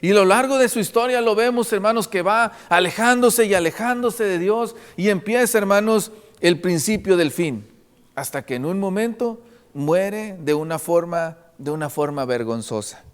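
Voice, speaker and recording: A man's voice: high voice, moderate pace, clear, resonant tone. A male preacher delivering an earnest sermon and repeatedly calling out to the congregation as his brothers. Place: church. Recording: long reverb of a church hall.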